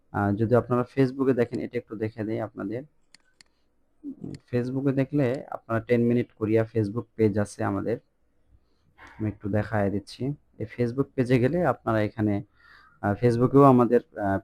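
A man teaching an online language lesson in a loose, informal way, with many fillers and slow repeated words. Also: medium pitch, darkish tone.

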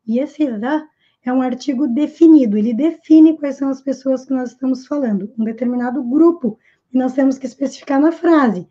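A woman with a Brazilian Portuguese accent speaks in a high, mellow voice as she teaches English, carefully slowing down to repeat each English phrase and then translating it. The recording sounds a little dull. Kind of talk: language lesson.

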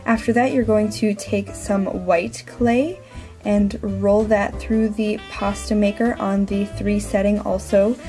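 A woman in her thirties hosts a craft tutorial in a chatty, informal way. Her voice sits at an average pitch for a woman, and music plays behind her as she explains. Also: flat delivery, unhurried, mellow. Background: background music.

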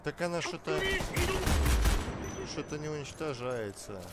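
A man's voice: a little high, animated, unhurried, very noisy. A man giving casual, muttered gameplay commentary, puzzled and swearing heavily. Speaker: gamer commentating a playthrough. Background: loud game music.

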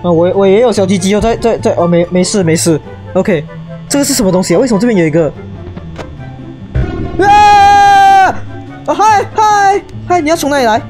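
A young woman giving excitable, shrieking let's play commentary, peppered with English exclamations. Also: mid-range voice, quick pace, soft background music. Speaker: gaming YouTuber.

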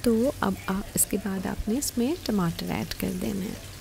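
Speaking a little slowly at a medium pitch, a woman presents a cooking show, instructing the viewer directly as she narrates each step of a recipe. Sizzling, frying and stirring can be heard clearly behind her.

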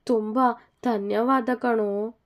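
A woman's voice: fairly high pitch, fairly even intonation, slow pace. A woman voicing a heartfelt young bride in a told love story. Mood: tearful. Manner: tearful, heartfelt.

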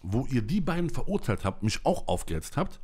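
A man's voice: mid-range voice, big pitch swings, fairly quick, darkish tone, husky. A man delivering an angry, emotional monologue to camera, ranting in blunt, coarse language. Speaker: vlogger.

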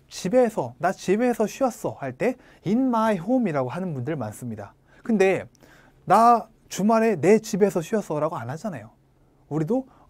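A woman's voice: lowish voice, darkish tone, dry recording. A woman with a Korean accent gives an online test-prep English lesson, drilling students to repeat after her. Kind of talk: online lecture.

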